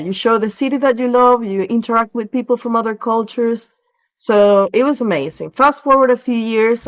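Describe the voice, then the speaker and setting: On a low-quality recording, a woman from Venezuela speaks in a mid-range voice. As a podcast guest who works as a relocation director, she answers interview questions conversationally, telling stories and explaining things.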